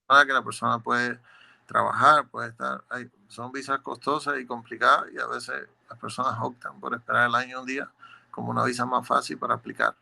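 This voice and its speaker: A man's voice: medium pitch, level tone, fairly quick, gravelly, pushed and bright. A man working as an immigration lawyer, answering legal questions in a methodical, explanatory way, often repeating words as he searches for the next one.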